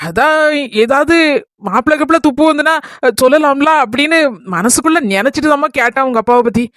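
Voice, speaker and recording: An actress portrays a warm-hearted neighbour woman with a Kanyakumari Tamil accent. She talks quickly in a high, gentle voice. The sound is dry and close. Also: no room sound. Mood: friendly. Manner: gentle, soothing, affectionate. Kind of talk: comedy skit acting.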